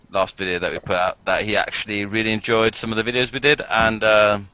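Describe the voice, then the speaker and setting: A man's voice: on the low side, sharp tone, clean tone, no echo. A man with an English accent hosting a casual group video call, rambling with many fillers and frequent laughs. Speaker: channel host. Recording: dull lo-fi call audio.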